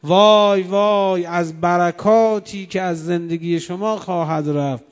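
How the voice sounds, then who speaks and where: Old man companion, grieving, furious, slow drawn-out lament, high male voice of a preacher, long reverberant hall. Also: steady tone, clear, resonant tone, natural voice.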